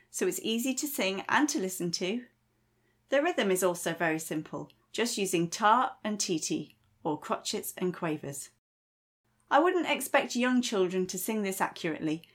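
A woman giving a clear, brisk spoken music lesson as a music educator. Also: medium pitch. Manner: clear, brisk explanatory teaching.

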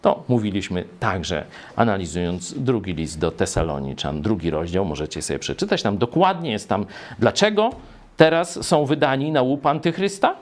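A man preaching a sermon, expounding scripture and addressing his listeners directly, climbing high when he reads verses aloud. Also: very animated, normal speed.

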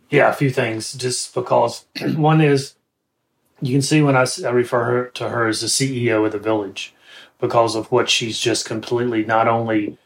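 Man guest, halting start, clears throat, normal pitch. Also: steady tone. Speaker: interview guest. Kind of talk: conversational reflection.

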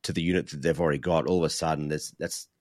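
Man, extremely low pitch, dry close sound, halting repeated words, casual sports analysis. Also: steady tone, a little mellow, no echo. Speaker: sports podcast co-host and analyst.

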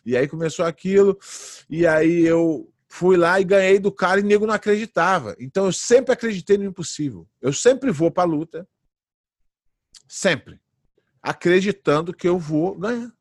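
A man near forty recounts his fights in a relaxed interview, acting out the voices of people in his stories. His voice sits a bit high for a man. The sound is dry and close, with no room around it. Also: normal speed, no room sound. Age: late 30s. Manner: animated anecdotes, acts out quoted voices. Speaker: guest, jiu-jitsu fighter. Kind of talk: casual storytelling interview.

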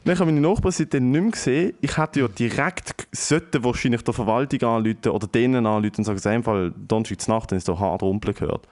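A young man with a Swiss German accent, animated and swearing often, telling a story in a casual chat with English slang mixed in. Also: medium pitch, fast, hardly any pauses.

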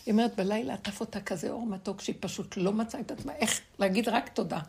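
A middle-aged woman giving a spiritual lesson to a group, telling stories in a lively way and laughing between points. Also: mid-range voice, vocal fry, slightly rough. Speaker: religious teacher.

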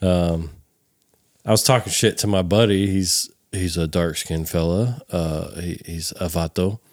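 A man's voice: low-pitched, steady tone, unhurried, no room sound, studio quality. A man in his thirties hosting a podcast, loose and joking, swearing often. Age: 30s. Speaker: podcast host. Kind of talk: casual podcast chat.

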